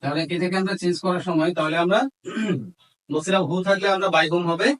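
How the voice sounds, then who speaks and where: The speaker is a man with a high-pitched, fairly bright voice and fairly even intonation, talking fairly quickly. With a Bangladeshi accent, he guides listeners through a lesson step by step, dictating in pieces and combining Bengali with English words.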